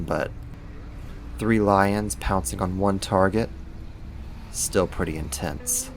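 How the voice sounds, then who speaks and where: In an ASMR roleplay, a low-pitched man plays a young supervillain roommate who is caring and wry. He talks softly and conversationally, teasing gently and pausing hesitantly.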